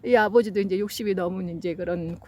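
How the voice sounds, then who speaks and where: Lecturing fast on psychology and parenting, a middle-aged woman speaks in a mid-range, steady voice with a mellow, darker tone. She shares stories earnestly and performs the lines of the parents and children she quotes.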